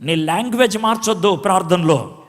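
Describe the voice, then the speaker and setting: A pastor giving a dramatic sermon, acting out quotes and swinging between shouts and hushed tones. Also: male voice, high-pitched, animated, fairly quick, in a large hall. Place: church hall.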